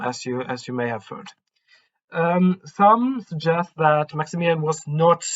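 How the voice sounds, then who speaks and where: German guy talking history, lots of ums, kinda high voice, dull lo-fi mic sound. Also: a bit bright. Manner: hesitant, many ums and self-corrections. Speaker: history channel host. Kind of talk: casual history talk.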